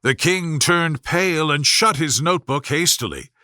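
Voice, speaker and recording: Bright-voiced man narrating a bedtime story. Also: fairly high pitch, animated, moderate pace, no room sound, studio quality. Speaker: audiobook narrator.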